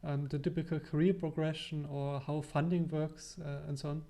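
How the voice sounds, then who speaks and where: A man hosting an interview over a video call, asking questions in a quick, conversational way. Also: fairly high pitch, flat delivery, dark tone. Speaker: interview host.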